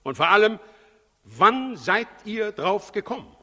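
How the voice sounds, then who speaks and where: A man's voice: sits high, very animated, measured pace, bright, forceful tone, heavily acted. An actor in a 1960s German radio play as a scheming, imperious king, theatrical and volatile, swinging between feigned politeness and outbursts. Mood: probing, feigned politeness. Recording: 1960s radio play, long reverberant hall.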